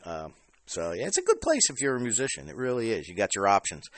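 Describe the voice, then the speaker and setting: Podcast host, man, lowish voice, casual and halting, dry close sound. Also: wildly swooping pitch, no echo. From New Jersey. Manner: chatty, halting with fillers and restarts. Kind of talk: casual phone interview.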